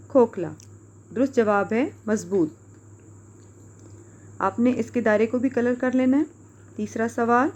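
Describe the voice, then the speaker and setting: A woman teacher with a Pakistani Urdu accent, giving a recorded lesson to young pupils, speaking clearly and patiently and spelling out words letter by letter. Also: on the high side, darkish tone.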